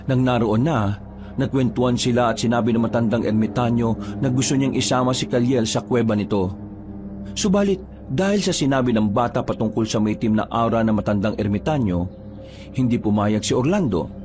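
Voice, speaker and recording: Male storyteller, measured scripted narration, mid-pitched voice, clear music bed. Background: background music.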